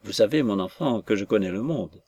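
A man voicing a proud, stern older aunt quick to fury in a storybook reading, with an imperious, scolding delivery. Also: lowish voice, animated, darkish tone. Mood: commanding.

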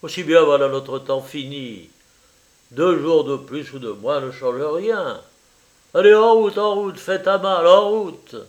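A man reading aloud and voicing a pushy young man who teases and mocks his friend loudly. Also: on the high side, a little slow, close to an everyday voice. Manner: loud, teasing, pushy.

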